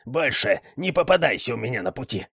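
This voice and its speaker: A man's voice: medium pitch, big pitch swings, a little fast, vocal fry, fairly bright tone, slightly rough, no room sound, studio quality, pitched above the performer's own voice, exaggerated voice. A man voicing a fierce female dog in a storybook who speaks with stern menace. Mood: threatening. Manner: stern, threatening.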